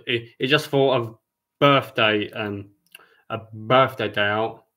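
Young guy rambling on his stream, middle pitch, keeps repeating himself and tripping over words. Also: steady tone, slow, pushed and bright, rough recording. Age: 20s. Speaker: livestreamer. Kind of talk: casual livestream chat.

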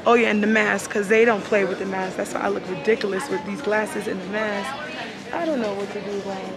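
A woman's voice: mid-range voice, steady tone, brisk, loud music behind the voice, over a noisy crowd. A woman travel vlogger talking casually through a face mask, chatting straight to her viewers in an airport. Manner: chatty, addresses viewers directly. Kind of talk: casual vlog talk to camera. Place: airport terminal, indoors.

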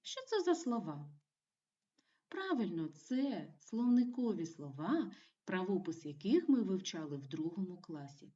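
A woman teaching a primary school video lesson, giving clear and encouraging instructions to young children. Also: on the low side, sing-song, measured pace, warm tone, distant mic. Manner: clear, encouraging classroom delivery.

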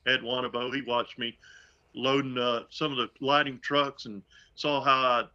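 An older man joins a casual interview as a guest over a video call from a room at home; he works on a concert road crew. He sounds easygoing and folksy, chuckling now and then, with a medium, fairly flat pitch, a measured pace, and a bright, forceful tone, though the call audio is dull.

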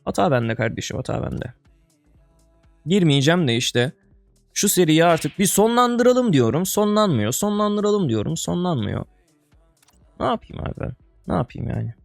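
A man's voice: on the high side, big pitch swings, normal speed, creaky, no room sound, faint music behind. A young man giving casual commentary while playing an online game, exasperated and groaning, calling viewers brother and buddy. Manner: exasperated, groaning and swearing under breath. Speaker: gaming streamer.

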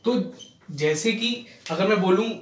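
A male teacher giving a classroom grammar lesson to children, often checking they follow and reading English examples slowly. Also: high-pitched, a little hiss or hum. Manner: addresses children, frequent "ठीक है ना" checks, slow spelled-out English examples. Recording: echoey room.

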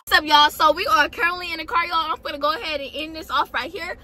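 A woman's voice: very high-pitched, steady tone, fast, pushed and bright, a little hiss or hum. A teenage girl vlogging casually to the camera. She is chatty and keeps calling her viewers "y'all.". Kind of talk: casual vlog talk to camera.

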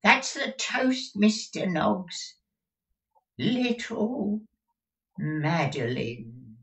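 A man's voice: lively intonation, gravelly, fairly bright tone, exaggerated voice. A man voicing an old miserly man who titters and wheedles, drawing his words out. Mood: tittering. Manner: drawn-out, high, tittering.

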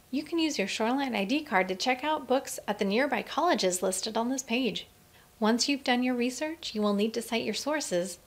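A woman with a slightly high voice reads a scripted walkthrough of a library website. Her delivery is clear and friendly, like a librarian guiding students step by step. It is a plain voice-over with nothing behind it. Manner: clear, friendly instructional reading. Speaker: librarian giving a website tour. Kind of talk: scripted screencast narration.

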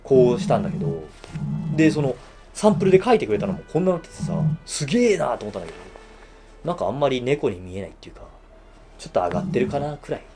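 A man's voice: rapid-fire, over music. A man in a casual show-and-tell review of his own bespoke suit, chatting and laughing often. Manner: chatty, laughs often, lively swings in pitch.

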